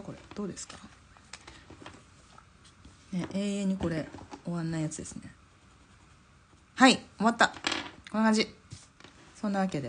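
Chatty woman with a lively, lowish voice. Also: slight background noise. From Japan. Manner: chatty, laughs often, reads viewer comments aloud. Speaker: Zentangle teacher hosting a live stream. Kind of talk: casual live-stream chat while drawing. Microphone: phone or camera mic on a live stream.

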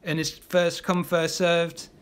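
A man with a fairly high voice guides a live painting class, encouraging the viewers as he works. He talks in a loose, chatty way, full of ums and restarts while his brush moves. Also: completely flat delivery, slow, fairly bright tone, clean tone. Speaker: illustrator teaching a live art class. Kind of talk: casual live draw-along class.

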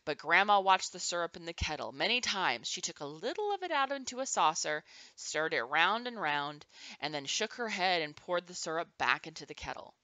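A woman reading a children's chapter book aloud to her nieces and nephews, expressive and animated. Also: lowish voice, normal speed, dry recording. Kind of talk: storybook read-aloud.

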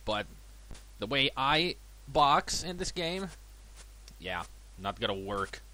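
A rough recording with slight background noise captures a man with a cold speaking slowly. He's a let's play gamer offering chatty, self-deprecating commentary on his boxing gameplay, his slightly worn voice swinging lively in pitch.

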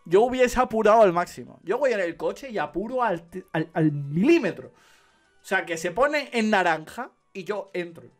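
Animated Spanish man ranting over a game. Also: sits high, moderate pace, soft background music. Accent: Spain Spanish. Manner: animated, sarcastic ranting with slang and swearing. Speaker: gaming youtuber. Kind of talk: let's play commentary.

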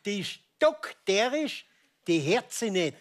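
A man's voice: high-pitched, sing-song, slow, slight background noise, full character voice. A man with an Austrian accent playing a hard-of-hearing, stubborn old husband in a stage comedy sketch, insistent and bewildered. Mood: explaining. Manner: plain, insistent, bewildered repeating.

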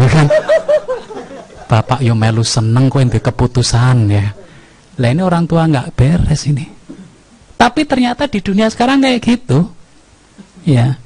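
A man with a Javanese accent preaching a humorous sermon, telling lively stories and often checking in with "ya kan?". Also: high voice. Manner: lively storytelling, keeps asking "ya kan?".

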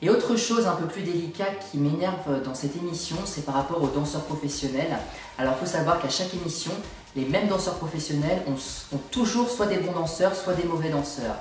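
A man's voice: fairly high pitch, a little fast, a little hiss or hum. A young man giving an emphatic, exasperated opinion rant to camera, complaining as he goes. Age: young adult. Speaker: video blogger. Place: small indoor room at home. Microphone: camera at a short distance. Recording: very echoey room, distant microphone.

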